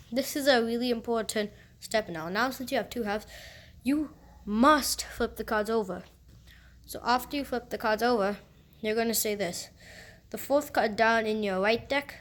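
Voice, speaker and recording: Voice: medium pitch, fairly bright tone. A casual host giving card magician patter as a step-by-step tutorial, often repeating and rephrasing instructions, in a voice that sounds like a woman's.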